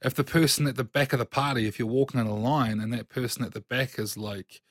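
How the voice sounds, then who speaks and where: Swearing, animated man. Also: medium pitch, fast talker, dry recording, studio quality. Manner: animated, swears freely, emphatic. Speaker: game master podcast co-host. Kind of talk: casual chat.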